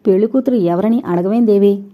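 A woman's voice: medium pitch, fairly quick, close to an everyday voice. A woman voicing a brash, scornful young man who talks in a taunting, insistent way. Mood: coaxing. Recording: dull lo-fi recording.

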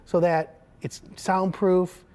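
A middle-aged home improvement expert appears as a guest on a TV talk show, doing an upbeat product demo on a studio set with a lapel mic. His voice is warm and level, and he speaks slowly while pitching and pointing at samples.

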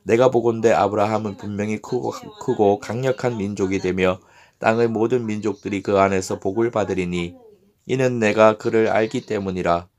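A man voicing God as a solemn, authoritative male deity who speaks in grave, measured pronouncements, in a scripture reading. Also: fairly low pitch, fairly even intonation, darkish tone, lightly acted.

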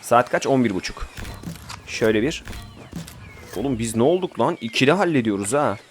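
Over slight background noise, an animated young male gameplay commentator with a medium-pitched voice talks at a moderate pace. He's playing a survival game, casually chatting, directing his group, and now and then bursting out suddenly.

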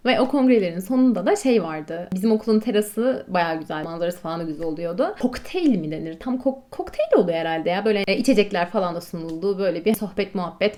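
A woman's voice: medium pitch, a little mellow. A woman in her twenties chatting casually to camera, telling stories with self-mocking humor and frequent laughter. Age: 20s. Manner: chatty, self-mocking, laughs often, acts out own quotes. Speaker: vlogger, medical doctor. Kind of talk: casual storytelling chat.

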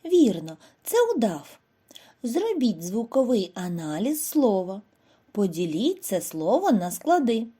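Ukrainian woman as a primary teacher, slow and sing-song, soft mellow tone, lively pitch. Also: husky. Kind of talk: scripted lesson narration for young children.

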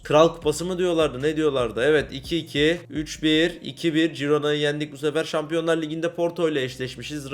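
A young man casually commenting on a football career-mode game, talking to viewers and swinging between cheer and grumbling. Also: fairly high pitch. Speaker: gaming YouTuber.

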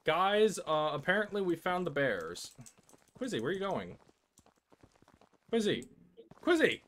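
Lively excitable man gaming with friends. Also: a little high, moderate pace. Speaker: let's play host. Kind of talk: casual gaming chat with friends.

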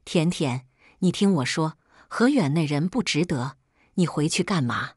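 A woman's voice: deep voice, expressive, measured pace, darkish tone, breathy edge, no echo, clean studio sound, heavily acted. A woman voicing the narrator's loyal, fiery best friend in a spoken story. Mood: indignant. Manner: protective, fiery.

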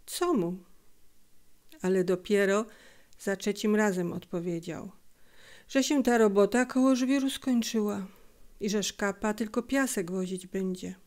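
Slow, measured woman reading a story. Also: mid-range voice, darkish tone. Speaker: audiobook reader. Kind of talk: literary audiobook narration.

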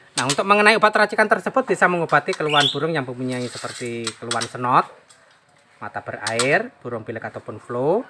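A man's voice: mid-range voice, bright, forceful tone, slight background noise. A man from Indonesia filming a casual sales vlog outdoors at a bird shop, talking chattily and repeating set phrases. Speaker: bird seller.

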